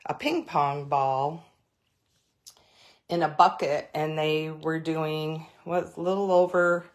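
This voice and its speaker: A woman's voice: sits low, steady tone, slow. A woman giving a live craft demonstration, chatty and rambling, greeting viewers by name as she goes. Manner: rambling with many fillers and restarts.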